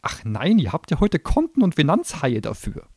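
A man voicing a sarcastic, hot-tempered little male gnome demon who grants wishes, shrill and mocking, in an audiobook reading. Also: huge pitch swings, moderate pace, darkish tone, husky, no echo, clean studio sound, exaggerated voice.

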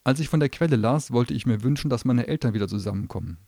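A man's voice: medium pitch, fast, creaky, warm tone, no echo, clean studio sound. A man voicing a determined young girl in an audiobook reading, firm and matter-of-fact.

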